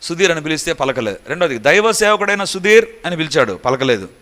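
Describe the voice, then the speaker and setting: A middle-aged man preaching a sermon as pastor, swinging between raised emphatic passages and quiet low asides. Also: big pitch swings, quick pace.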